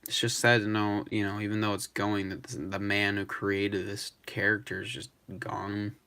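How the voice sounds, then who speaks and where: A young man live streaming, talking in a rambling, halting way with many restarts. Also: lowish voice, little pitch movement, sharp tone, clean tone. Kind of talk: emotional live-stream tribute chat.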